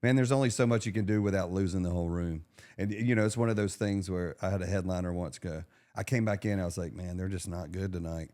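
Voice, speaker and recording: Fast-talking, low-voiced man. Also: a little mellow. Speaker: comedian and emcee. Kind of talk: casual chat.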